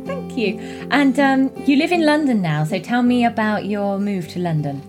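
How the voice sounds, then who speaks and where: A woman's voice: on the high side, very animated, normal speed, a little mellow. A woman hosting a podcast as an English teacher, asking a student questions in an encouraging, upbeat way. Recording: music bed under voice.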